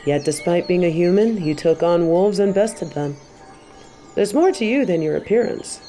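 A woman playing a stern but warm-hearted tiger kung fu master in a roleplay audio, speaking in a measured, composed way to the listener. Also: on the low side, lively intonation, soft background music, lightly acted, poor audio. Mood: measured, approving. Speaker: voice actor in a fan roleplay audio. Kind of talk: scripted roleplay addressed to the listener.

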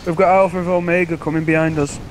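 Gamer with a raised pitch, giving orders. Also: male voice, level tone, fast talker, a little hiss or hum. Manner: dry, bossy callouts. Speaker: gunner in online game. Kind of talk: casual gaming chatter.

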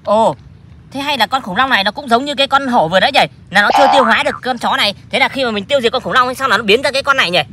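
A woman in playful pretend play with toys, boasting like a little hero with excited exclamations. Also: a little high, rapid-fire. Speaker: toy play video host. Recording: loud noise and crowd behind.

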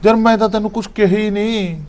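An actor playing a hard-up young husband with a Malwa Punjabi accent, talking fast in a fairly high voice. He stays placating and reasonable, soothing his angry wife in a short drama. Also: little pitch movement, darkish tone, natural voice. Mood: pleading. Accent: Punjabi, Malwa region. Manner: pleading, soothing, keeps offering tea.

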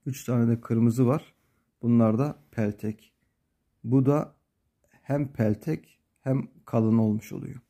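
Slow, patient husky male teacher. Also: medium pitch, dark tone. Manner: patient, repeats each sound several times. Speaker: Quran reading teacher. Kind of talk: slow instructional lesson.

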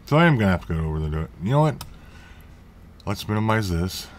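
A man's voice: sits low, big pitch swings, fast, a little hiss or hum. A man hosting a casual computer tutorial, rambling and correcting himself with jokey asides. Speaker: tech tutorial host. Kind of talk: casual screen-recorded tutorial.

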